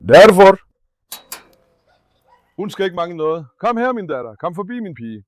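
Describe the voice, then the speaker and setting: Young adult male vlogger, earnest and coaxing; a somewhat high voice, dry recording. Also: sing-song, no room sound. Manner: gentle and coaxing with the dog, earnest when addressing viewers. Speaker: animal caretaker and channel host. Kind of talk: casual vlog explaining care of a sick puppy.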